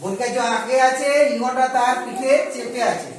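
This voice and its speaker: A man teaching children spelling, patient and repetitive, asking questions and saying words slowly. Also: very high-pitched, steady tone. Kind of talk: children's Bengali spelling lesson. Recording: echoey room, voice from a distance.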